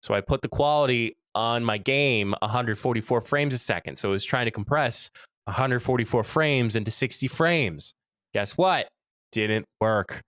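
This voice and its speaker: A man's voice: mid-range voice, moderate pace, a bit bright, no echo, studio quality. A man co-hosting a comedy podcast, chatting casually and laughing often as he explains things with examples. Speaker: podcast co-host. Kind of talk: casual chat.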